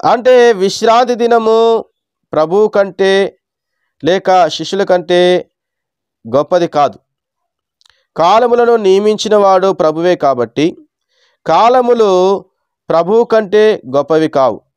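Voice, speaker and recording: Man from India, preacher, Sunday sermon, high voice, dry close sound. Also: a little mellow, smooth, dry recording. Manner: measured teaching tone with rhetorical questions.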